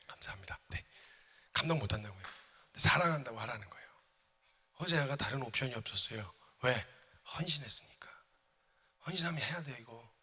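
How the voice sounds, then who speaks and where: A man preaches a sermon as a missionary in a reverberant church sanctuary, addressing the congregation emphatically and dramatically. His mid-range voice is bright and forceful, with a slightly rough edge.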